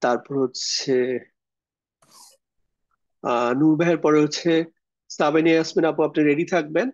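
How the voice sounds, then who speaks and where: Man teaching grammar in a steady step-by-step way. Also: fairly high pitch, normal speed, no echo, highs cut off. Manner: explains step by step, checks understanding with questions. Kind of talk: online class lecture. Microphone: video call.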